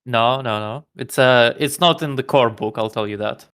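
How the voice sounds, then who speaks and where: A man playing in a tabletop game, chatting out of character in an unhurried, teasing way. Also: medium pitch, a bit bright, clear, resonant tone. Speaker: player. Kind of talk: casual out-of-character chat.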